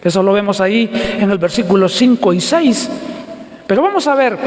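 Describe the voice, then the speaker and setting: A man's voice: sits high, a little mellow. A pastor preaching a sermon. He asks rhetorical questions, answers them himself, repeats key phrases and calls his listeners brothers. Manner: addresses the congregation as brothers. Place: church sanctuary. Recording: echoey church hall with long reverb.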